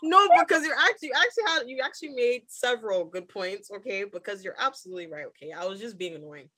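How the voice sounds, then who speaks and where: A young woman co-hosting a podcast in casual chat, animated and giggly and full of fillers. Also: medium pitch, quick pace, no echo. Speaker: podcast co-host.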